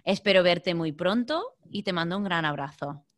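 A woman's voice: fairly low pitch, expressive, moderate pace. A woman hosting a podcast in an informal, conversational way. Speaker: podcast host. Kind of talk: casual podcast interview chat.

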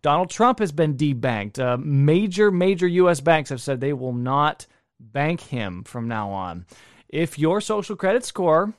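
A man hosting a casual talk show, energetic and jokey, with quick asides. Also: on the high side, no room sound, clean studio sound. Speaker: podcast host.

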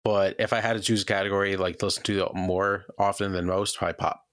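A man's voice: low-pitched, level tone, fast, a bit bright, dry recording, clean studio sound. A man in casual chat, answering quiz questions in a hesitant way, full of fillers. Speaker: guest.

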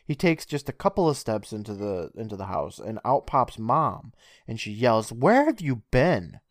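A man hosting a podcast, reading announcements and retelling TV scenes in an animated way. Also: lowish voice, normal speed, no room sound, clean studio sound. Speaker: podcast host. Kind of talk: casual podcast recap and announcements.

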